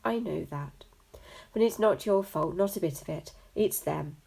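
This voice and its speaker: A woman voicing a wise, sad old grandfather cat in a soft, grave tone. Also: fairly low pitch, unhurried, gravelly, husky, exaggerated voice, low-quality recording.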